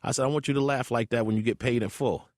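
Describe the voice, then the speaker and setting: A man recounts a story in an interview, his voice climbing high whenever he gets heated. He is emphatic and quotes other people as he goes. The sound is dry and close. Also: fairly even intonation, fast talker, dry recording.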